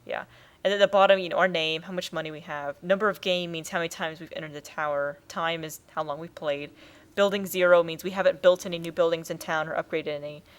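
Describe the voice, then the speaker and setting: A woman's voice: lowish voice, steady tone, quick pace, clean tone. A woman hosting a let's play, chatting casually and explaining the game as she plays.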